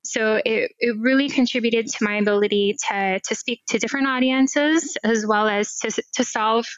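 Her voice sits a little high, with a steady, clean tone, a moderate pace and no echo. She is a middle-aged cloud AI expert from Hawaii, joining a video-call interview as a guest and speaking thoughtfully with small restarts into a headset mic. The setting is a home room with window blinds, captured in slightly dull lo-fi call audio.

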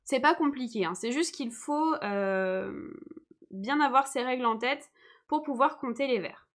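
Young female teacher, live online lesson, patient and reassuring, a touch high-pitched. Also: expressive, unhurried. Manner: patient, checks in often with viewers.

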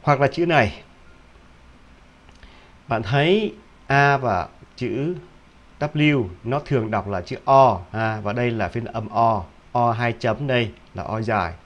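A man teaching English pronunciation, repeating each word several times and often stopping to check with a quick question. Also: mid-range voice, highs cut off. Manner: drills words by repetition, with frequent rhetorical "hả?" checks. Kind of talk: video pronunciation lesson.

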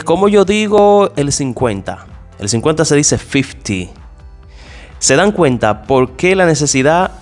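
A man teaching an English lesson in Spanish, explaining step by step and asking and answering his own questions. He talks directly to his listeners and drops to a lower, softer voice for each English example. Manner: addresses listeners directly and informally. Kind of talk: spoken language lesson.

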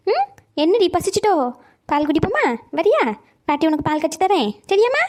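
A woman voicing a bossy, sharp-tongued old grandmother who scolds fast and dotes on her grandson. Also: extremely high pitch, very animated. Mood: cooing. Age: older. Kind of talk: cartoon voice acting.

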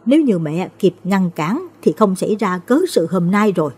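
Storybook figure: a sorrowful old mother-in-law, husky and lamenting, with a swooping voice, read by a woman narrator. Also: medium pitch, lively intonation, moderate pace, a little mellow. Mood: bitter. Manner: lamenting, heavy-hearted.

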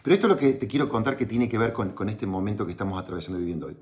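A man's voice: on the low side, animated, rapid-fire, a little mellow. A man with an Argentine accent telling a personal story as motivational advice, chatty, often checking in with tag questions and restarting phrases. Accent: Argentine Spanish. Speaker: entrepreneurship podcaster.

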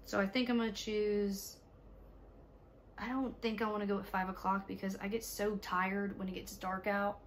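A young woman with a raspy, stuffy voice from allergies, chatting casually to viewers in a home vlog, tired. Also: medium pitch, flat delivery, moderate pace, slight background noise. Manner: chatty, talks to viewers while ordering online. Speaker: vlogger, mother. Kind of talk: casual day-in-the-life vlog. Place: home, indoors.

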